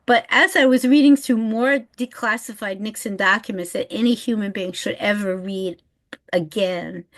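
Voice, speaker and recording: A woman's voice: medium pitch, a bit bright, low-quality recording. Thoughtful older woman historian. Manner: thoughtful, measured, some restarts. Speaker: historian panelist. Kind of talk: webinar panel talk. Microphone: video call.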